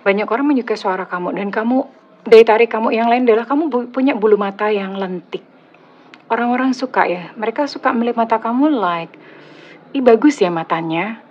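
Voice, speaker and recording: Indonesian woman tarot reader, slightly husky, chatty and teasing, casual one-to-camera reading, a bit lo-fi. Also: on the high side, a little fast. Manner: chatty, teasing, laughs at own jokes. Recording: slightly dull lo-fi audio.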